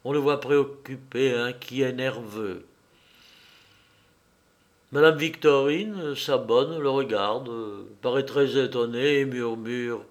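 A man narrating a story in a measured, expressive reading. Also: medium pitch.

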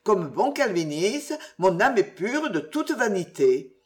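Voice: mid-range voice, big pitch swings, takes it slowly. A reader voicing a crafty, pompous old Scottish inn waiter who preaches with mock virtue.

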